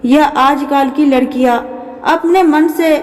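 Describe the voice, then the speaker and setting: A woman voicing a sharp-tongued, gossiping aunt-in-law who complains snidely. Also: sits high, fairly even intonation, slow pace. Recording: long reverb.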